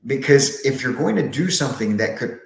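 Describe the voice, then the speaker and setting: A man's voice: mid-range voice, animated, brisk, gravelly. A man hosting a live sales training session, talking upbeat from a bare, unfurnished office that echoes, often restarting words and asking "right?". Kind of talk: live motivational sales talk. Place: brand-new empty, unfurnished office. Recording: echoey bare empty room.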